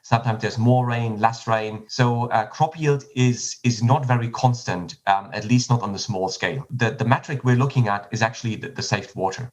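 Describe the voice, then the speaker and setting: A German-accented man answers podcast questions as a startup's chief, working through technical points with many restarts and fillers. His voice sits in a middle register. The audio is slightly dull. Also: mid-range voice. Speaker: startup CEO guest.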